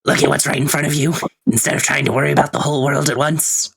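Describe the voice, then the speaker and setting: A man playing a husky, gravelly, reflective adventurer. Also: fairly high pitch, little pitch movement, fast, a bit bright, no room sound, heavily acted. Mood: gentle, reassuring.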